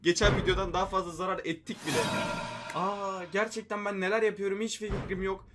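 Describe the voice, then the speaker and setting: Slight background noise accompanies this man's high, fairly bright voice, which is brisk and level in tone. Hosting a mobile game video, he talks through his play casually, frequently exasperated, addressing himself and his viewers and swearing mildly.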